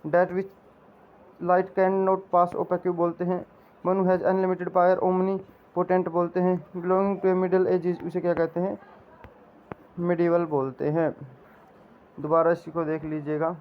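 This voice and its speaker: A man teaches exam vocabulary at a deliberate, unhurried pace, his voice sitting fairly high and staying level. He drills each word through repetition. The recording is a bit dull, with faint background noise. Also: little pitch movement. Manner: repeats answers as drills, reads English definitions slowly. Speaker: English teacher. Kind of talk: exam-prep lesson.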